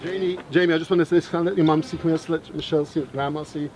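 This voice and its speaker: A man's voice: a little high, steady tone, quick pace, darkish tone, slight background noise, low-quality recording. A man leading a bar mitzvah ceremony, speaking chattily and checking in with the crowd. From Scotland. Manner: chatty, keeps checking in with "right?" and "okay?". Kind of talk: ceremony speech.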